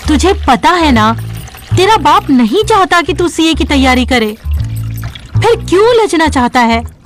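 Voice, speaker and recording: A woman's voice: high voice, very animated, a little slow, soft background music. A woman playing a practical motherly mom. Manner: gentle, reasoning, motherly. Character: caring but practical middle-aged mother. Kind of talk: audio story dialogue.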